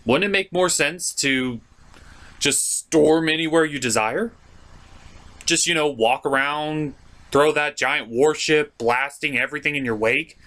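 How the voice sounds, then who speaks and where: A man with a fairly high, pushed and bright voice takes his time reviewing a cartoon. He's the host of the show, and his scripted remarks come across as informal, opinionated and comic, with exaggerated emphasis.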